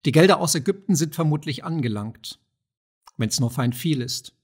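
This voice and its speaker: A man's voice: fairly high pitch, lively intonation, normal speed, husky. A man reading an audiobook of a play, voicing a stubborn, grumbling dervish treasurer.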